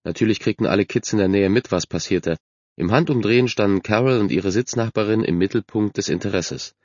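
A man narrating a children's story as an audiobook, in a steady storytelling manner. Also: lowish voice, brisk, dry recording, highs cut off.

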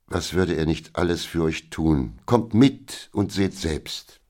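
A man's voice: deep voice, animated, takes it slowly, darkish tone, exaggerated voice. A man voicing an eager old female servant who pleads urgently, in a storybook reading. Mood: pleading. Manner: urgent, imploring.

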